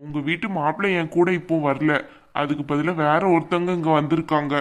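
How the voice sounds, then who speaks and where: A woman's voice: low voice, steady tone, a little fast, lightly acted. A woman voicing an older male father-in-law in a cartoon, firm and fatherly. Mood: gentle. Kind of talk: cartoon voice acting.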